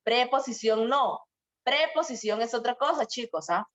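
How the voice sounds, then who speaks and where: Young woman teacher, fairly high voice, questioning manner, dull lo-fi audio. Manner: questioning, drawn-out examples. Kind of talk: online grammar lesson. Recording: muffled lo-fi sound.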